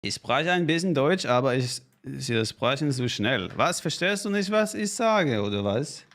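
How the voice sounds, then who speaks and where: Guy streaming a strategy game, slow halting talk, keeps correcting himself, jokey with chat. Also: medium pitch, lively intonation, a bit bright. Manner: halting learner's German with self-corrections; joking, chatting to viewers and thanking subscribers. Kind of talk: casual live-stream gaming chat.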